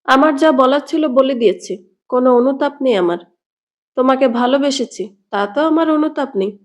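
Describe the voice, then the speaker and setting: A woman's voice: high-pitched, normal speed. A woman reading as a wounded, resolute young woman. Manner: calm, firm and wounded. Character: hurt, resolute young woman ending a romance. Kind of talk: storybook reading.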